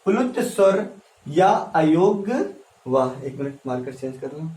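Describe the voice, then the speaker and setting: A male teacher giving a classroom lecture, repeating key phrases slowly and quizzing his students as he writes on a board. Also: fairly high pitch, expressive, dark tone. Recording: echoey room, voice from a distance.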